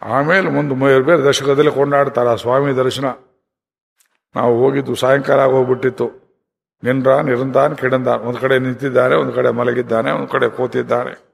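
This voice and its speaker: A man's voice: mid-range voice, steady tone, brisk, vocal fry. Male devotional speaker in an echoey hall. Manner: chants verses, asks the audience questions. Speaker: religious discourse speaker. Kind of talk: devotional storytelling discourse. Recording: reverberant hall.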